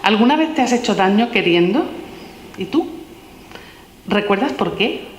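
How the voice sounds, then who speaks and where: Woman presenting, asks questions to the audience one after another, mid-pitched voice, echoey hall. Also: measured pace, a little hiss or hum. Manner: asks a steady stream of gentle questions. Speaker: author presenting her book. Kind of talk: reading aloud questions from a children's philosophy book. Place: large echoey room at a public talk. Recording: roomy hall with long reverb.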